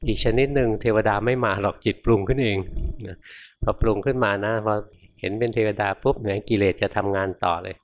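A male Buddhist monk teaching in a casual, explanatory sermon style, often ending phrases with a soft particle and sometimes acting out inner thoughts in brief asides. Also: fairly low pitch, steady tone, fairly quick. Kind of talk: conversational Dhamma sermon.

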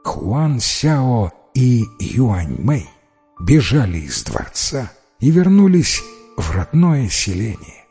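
Slow, expressive male storyteller. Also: mid-range voice, husky, faint music behind. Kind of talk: scripted fairy-tale narration.

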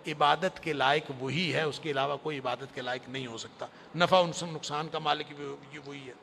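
A man giving a sermon-style summary of the Quran, impassioned, swinging from loud emphasis to near-whisper. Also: fairly high pitch, fairly even intonation, creaky, a little hiss or hum. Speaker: Quran scholar and preacher. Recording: long hall reverb.

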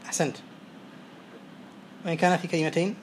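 A man teaching Arabic morphology, quizzing students and briskly praising each answer. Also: a little high, level tone. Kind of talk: oral quiz lesson. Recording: faint background noise.

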